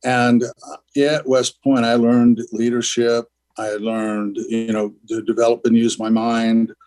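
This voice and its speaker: Earnest older man, rambling gently. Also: medium pitch, little pitch movement, measured pace, poor audio. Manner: earnest, rambling, many "you know" fillers. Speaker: guest, school founder. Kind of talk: radio interview.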